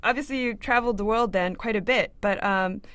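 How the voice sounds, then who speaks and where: A woman's voice: medium pitch, fairly quick, fairly bright tone, clear, resonant tone, no room sound. Young woman interviewer, dry close sound. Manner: many "um" and "uh" fillers while asking questions. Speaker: interview host, graduate student. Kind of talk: scripted intro then interview questions. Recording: dry close mic with faint music.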